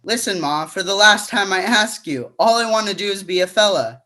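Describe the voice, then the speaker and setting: A young man plays a jittery young groom, earnest and restless. His voice is high and bright for a man. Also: animated, normal speed. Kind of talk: amateur play reading.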